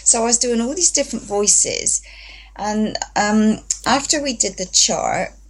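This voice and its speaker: A woman's voice: a little high, a little slow, husky, rough recording. A woman from England, a voice therapy practitioner, telling her story as a guest in an interview in a chatty, enthusiastic way. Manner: chatty, enthusiastic, acts out quotes.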